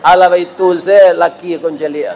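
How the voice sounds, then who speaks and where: A man's voice: sits high, steady tone, moderate pace, creaky, a little mellow, a faint crowd, slight background noise, poor audio. A man preaching a humorous sermon with a Minangkabau accent, joking and telling stories with asides to the audience.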